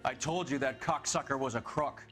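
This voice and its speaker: A man's voice: medium pitch, a little fast, lightly acted. A man playing a hard-nosed police detective in a 1940s crime game, clipped and commanding. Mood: grim, cynical. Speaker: video game character. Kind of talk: scripted dramatic game dialogue. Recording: game music behind the voice.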